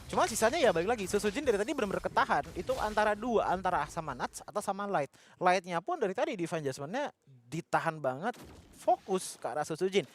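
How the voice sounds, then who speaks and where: High-voiced Indonesian male esports commentator. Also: lively intonation, quick pace. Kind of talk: live play-by-play and analysis.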